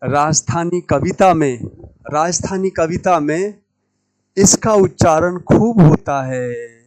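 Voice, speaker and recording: Slow, emphatic male Hindi teacher. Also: fairly high pitch, darkish tone, no room sound, poor audio. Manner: repeats key words slowly, stressing pronunciation. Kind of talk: classroom lecture at a whiteboard.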